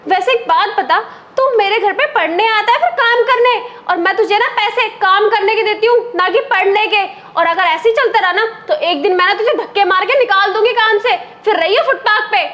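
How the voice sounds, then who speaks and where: A woman's voice: fairly quick, few pauses, fairly bright tone. A young woman playing an arrogant rich wife who scolds and mocks her driver. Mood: scornful. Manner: shrill, scolding, mocking. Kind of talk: amateur web drama acting.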